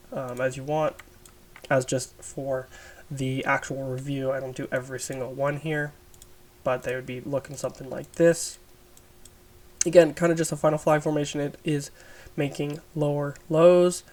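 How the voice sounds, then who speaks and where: A man with a raspy, under-the-weather voice gives an informal, explanatory chart review as an instructor, thinking aloud as he goes. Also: a little high. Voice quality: raspy, smoker's-rasp sound. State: sick, raspy voice. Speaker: trading instructor.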